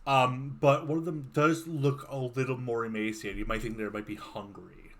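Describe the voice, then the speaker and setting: A man's voice: medium pitch, fairly even intonation, normal speed, crowd noise. A man running a tabletop game as game master, narrating loosely and chattily.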